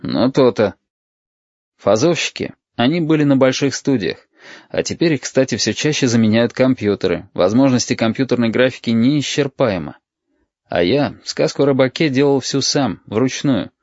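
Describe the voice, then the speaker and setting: A man reading a story aloud as audiobook narrator, expressive and lively. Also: mid-range voice, normal speed, no room sound, dull audio.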